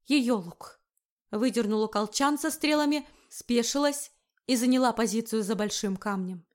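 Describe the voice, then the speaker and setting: Casting note: female audiobook narrator, higher voice, even expressive reading. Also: moderate pace. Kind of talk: scripted fantasy narration.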